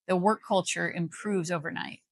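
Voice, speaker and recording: Appearing as a live interview guest, this Missouri-born healthcare CEO makes her points with emphasis and persuasion. She has a fairly low, gravelly voice, keeps her intonation fairly even, talks at a normal speed, and there's no room sound.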